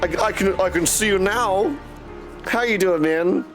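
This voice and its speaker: With a high-pitched, somewhat bright voice and a slightly slow pace, a man makes friendly small talk with his audience as he livestreams a game, backed by music.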